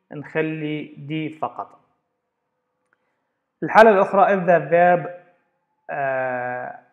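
A man teaching an English grammar lesson, explaining step by step and repeating words as he goes. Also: fairly high pitch. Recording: dull lo-fi recording.

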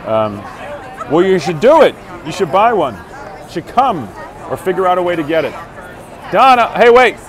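His voice sits high and sing-song, at a moderate pace with long pauses. He's a Broadway actor in his forties walking a street fair and vlogging live to phone viewers, upbeat and full of fillers. The setting is a crowded outdoor city street with crowd noise, picked up by an earbud headset mic on a phone held at arm's length.

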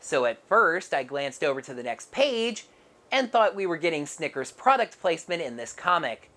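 Woman reviewing comics, low voice but bouncy, dry sarcastic little jabs. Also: sing-song, normal speed, fairly bright tone. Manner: wry, sarcastic asides. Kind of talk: casual review narration.

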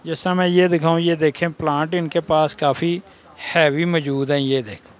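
A man's voice: a little high, steady tone, normal speed. A man in his thirties with a Pakistani Urdu accent, filming a casual walking tour of a tool shop and asking about prices. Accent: Pakistani Punjabi-inflected Urdu. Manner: casual, points things out and asks prices. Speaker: vlogger. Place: indoor tool shop in a market.

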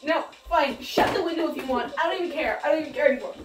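A woman's voice: high-pitched, very fast, lightly acted. A young woman playing a spoiled, whiny rich girl who leans on her father's money, in a comedy skit. Her voice is heard from a distance in an echoey room, with music behind. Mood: defensive. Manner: whiny and self-absorbed. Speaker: college roommate in a comedy skit.

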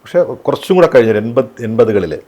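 A man interviewing a guest, briskly listing facts to prompt her. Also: mid-range voice, big pitch swings, darkish tone.

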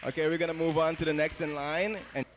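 An upbeat man with a slightly high voice hosts a studio TV show, keeping things moving with chatty banter. Light noise hangs in the background of the old recording. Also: level tone, fast. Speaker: TV show host. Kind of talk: hosting a TV dance show.

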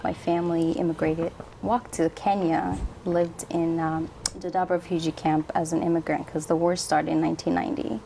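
Young woman, from Somalia, lowish voice, friendly, lots of fillers, lapel mic, faint hiss. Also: level tone, moderate pace, vocal fry, few pauses, mellow. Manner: friendly, laughs often, many fillers. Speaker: guest. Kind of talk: casual interview answers. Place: dark television studio, indoors.

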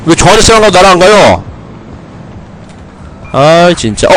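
Faint music plays behind a young game streamer whose fairly bright voice sits high and swings widely in pitch. At a moderate pace, he jokes with his audience and himself while giving the characters mock-scolding rants.

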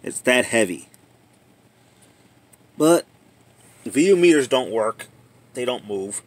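Filming on a handheld phone or camera, a man narrates his own repair job in a plain, casual way, pausing and thinking out loud as he goes. He sounds animated in a mid-range voice, and the recording is dry.

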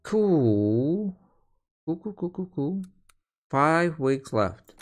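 A man's voice: on the high side, sing-song, drawn-out words, faint music behind. A man giving casual let's-play commentary, thinking aloud and reading text off the screen. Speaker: video game player and commentator.

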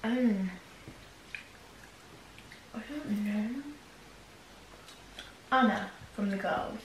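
A woman's voice: on the high side, very slow. A young woman co-hosting a casual eating vlog and teasing her co-host as they chat. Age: young adult. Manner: teasing, joking. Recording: echoey room with faint noise.

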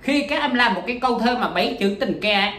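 A man's voice: very high-pitched, expressive, fast, pushed and bright, echoey room. A man teaching poetry in a chatty, casual way, full of examples and fillers. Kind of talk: casual spoken lesson.

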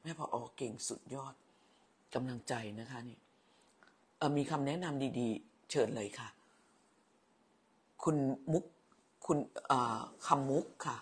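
ผู้หญิงวัยกลางคนเสียงแหบ คุยไลฟ์สดแบบเป็นกันเอง. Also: female voice, extremely low pitch, darkish tone, husky. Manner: chatty, motherly, teasing, repeats words. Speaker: livestream host, former teacher. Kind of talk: casual live chat reading viewer comments.

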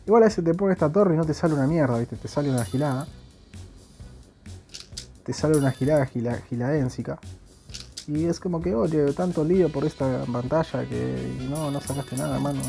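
The speaker is a young Argentine man, a gaming YouTuber, whose mid-range voice sounds gravelly and warm. He narrates his video game play with joking, crude slang in an Argentine Spanish accent.

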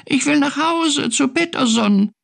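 A frightened little kitten squeaks and stammers through a storybook game. The voice sits very high, swoops around, and has a gravelly edge underneath. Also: male voice, animated, a little slow, a bit bright, exaggerated voice. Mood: scared.

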